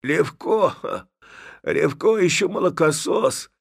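A man voicing a stern, tall middle-aged village head who speaks hoarsely in a half-voice and blusters threats. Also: fairly high pitch, expressive, slow, no room sound, studio quality, voice pushed up, full character voice. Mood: threatening.

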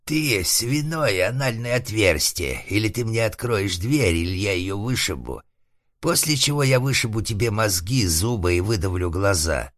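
A man's voice: fairly low pitch, animated, moderate pace, a bit bright, no echo, studio quality, voice pushed up. A man doing a coarse, vengeful old organ grinder. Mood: threatening. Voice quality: rough, threatening, coarse-spoken.

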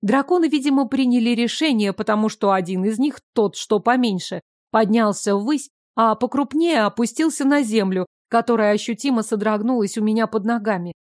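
A woman reading a first-person fantasy audiobook in an expressive, measured storytelling manner. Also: on the high side, no echo, clean studio sound. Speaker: audiobook narrator.

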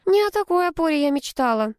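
A woman's voice: very high voice, sing-song, fast, no room sound, clean studio sound, voice pushed up. A woman voicing a sulky, sarcastic young female student who grumbles and whines. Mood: grumbling.

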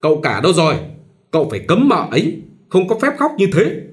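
A man's voice: a little high, very animated, normal speed, pitched above the performer's own voice. Man putting on a bossy old mother-in-law. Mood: angry. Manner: scolding, bossy and pushy. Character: fussy old mother-in-law, domineering and superstitious.

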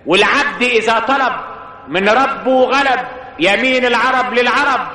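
Guy doing a cool sharp-witted hero posing as a slave, high bright voice, echoey hall from far off. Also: normal speed. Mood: cool, defiant. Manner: sharp, unshaken retorts. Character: shrewd, calm hero disguised as a slave.

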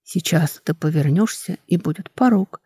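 A menacing male fire mage , put on by a woman reading the book, speaks in a hoarse, coaxing whisper, low and close. The audiobook voice sits dry against a quiet background. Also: normal speed, no room sound.

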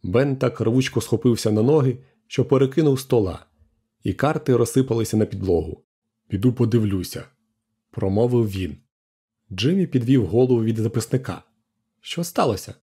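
Man reading an audiobook, husky, dark mellow tone. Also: mid-range voice, a little fast. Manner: plain storytelling, voices characters with small shifts. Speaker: audiobook narrator. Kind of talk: scripted narration.

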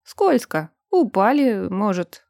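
A woman voicing a gruff, stubborn male bear-shifter who answers in short, blunt lines. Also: medium pitch, big pitch swings, takes it slowly, darkish tone, dry recording, clean studio sound, heavily acted. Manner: gruff, terse.

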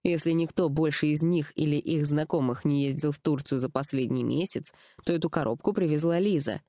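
A woman reading an audiobook, voicing a calm, reassuring young man in a lowered voice. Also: a little fast, no room sound, studio quality, close to an everyday voice.

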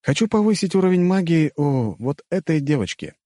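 Cocky young mage, wry and teasing, dry close sound, voiced by the reader. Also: male voice, fairly high pitch, very animated, normal speed, dark tone, dry recording, voice pushed up. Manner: smug, wry.

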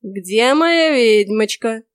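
A woman voicing a huge bearded man with a slow, drawn-out booming call, in an audiobook. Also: animated, clear, resonant tone, no echo, studio quality.

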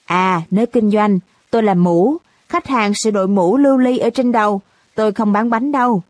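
A woman's voice: mid-range voice, moderate pace, no echo, close to an everyday voice. A woman reading the part of a girl's father who gives dry, witty answers to reporters in a storybook reading. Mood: wry. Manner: wry, deadpan answers.

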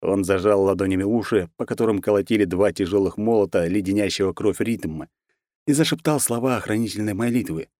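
A man narrating a novel as an audiobook, reading in a steady, even storytelling manner. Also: fairly low pitch, a little fast, no room sound. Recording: dry, close sound.

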